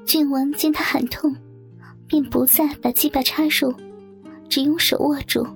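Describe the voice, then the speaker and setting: High-voiced woman narrating a story. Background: soft guitar music.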